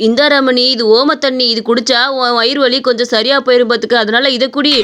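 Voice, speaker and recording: A woman voicing a stingy, scolding middle-aged husband in an animated story. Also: a little high, fairly quick, a little hiss or hum, close to an everyday voice. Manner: scolding, penny-pinching.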